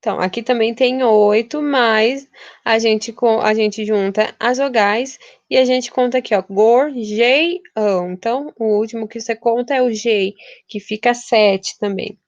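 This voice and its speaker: A woman's voice: a little high, fairly even intonation, normal speed, no echo. Chatty young woman teaching literature. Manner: chatty, informal, stumbles and restarts words. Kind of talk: casual recorded lesson. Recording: dull, lo-fi and dry.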